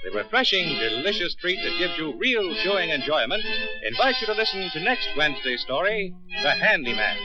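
A man's voice: sits high, sing-song, brisk. A man reading ads and credits as an old radio announcer, in a polished, upbeat sales delivery. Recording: dull vintage radio broadcast, music behind.

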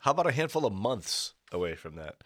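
A man's voice: on the low side, very animated, fast, a bit bright, dry recording. A man in his forties co-hosting a radio show, laid-back and wry, who also announces the music. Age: 40s. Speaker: radio co-host.

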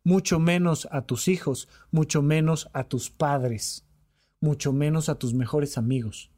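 High-voiced man, animated and emphatic. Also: a little slow. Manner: animated, repetitive, acts out quoted dialogue. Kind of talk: podcast talk on emotional health.

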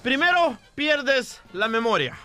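A man co-hosting a radio comedy show, joking in quick interjections. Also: extremely high pitch, big pitch swings, bright, forceful tone, clean tone, faint music behind. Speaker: radio co-host. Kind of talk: casual comedic radio banter.

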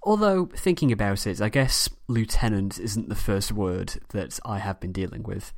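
A British man hosting a history podcast, reading a scripted narration in a measured way with chatty personal asides. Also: on the low side, expressive, vocal fry. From United Kingdom.

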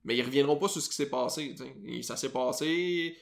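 Quebecois guy rambling on his podcast, gravelly voice, lots of euhs and restarts. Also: mid-range voice, a little fast. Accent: Quebec French. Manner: rambling, lots of fillers and self-corrections. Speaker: podcast host. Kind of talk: casual chat.

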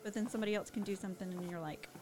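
A woman's voice: mid-range voice, fairly even intonation, racing, mellow. A woman chatting casually with a friend, supportive and encouraging in how she talks. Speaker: co-host of a chat. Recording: noisy background ambience.

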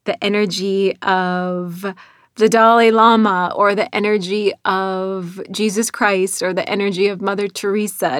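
A middle-aged American woman with a North Dakota accent talks reflectively about her own work. Her delivery is unhurried and earnest, in a medium-pitched voice. The sound is dry and close, as in an author interview. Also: a bit bright, no room sound. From North Dakota, United States. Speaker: author and narrator of own audiobook.

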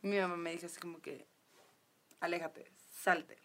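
A woman's voice: fairly low pitch, fairly even intonation, normal speed, a bit bright. Mexican woman chatting on a podcast, tells her story with lots of "como que" style fillers. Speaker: guest. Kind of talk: casual storytelling.

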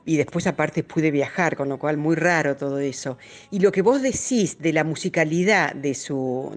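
Woman, musician, interview guest, earnest explainer. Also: low-pitched. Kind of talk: conversational interview answers.

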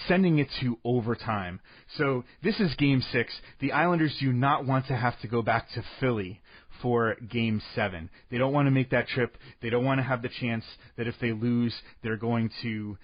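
A man telling a comic sports story in a deadpan way, full of absurd made-up details, rambling and restarting his sentences. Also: medium pitch, no room sound, lo-fi sound. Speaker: comedic storyteller.

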